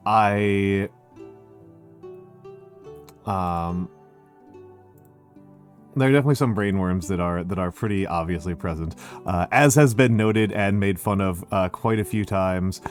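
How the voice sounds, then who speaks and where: A man with a fairly low voice and a Northeastern American accent hosts a casual livestream over music. He puts on a smooth, measured public-speaker delivery, like a teacher at a podium, while often pausing and repeating himself. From Northeastern United States. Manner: halting, repeats phrases. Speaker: livestream host. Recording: music behind the voice.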